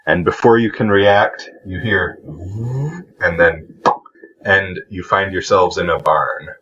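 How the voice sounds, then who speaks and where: A young man running a tabletop game as game master, halting and clearing his throat often. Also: low-pitched, pushed and bright, no echo, lo-fi sound.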